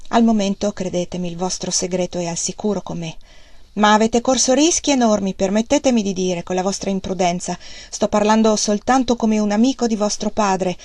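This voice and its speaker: A woman voicing a proud male mill owner, speaking in a measured, clipped and restrained way. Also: medium pitch, warm tone, dry recording, natural voice.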